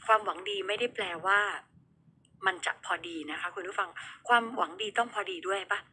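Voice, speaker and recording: A woman's voice: mid-range voice, brisk, sharp tone, slight background noise. A woman hosting a radio show in casual chat, talking straight to her listeners. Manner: chatty, addresses listeners directly.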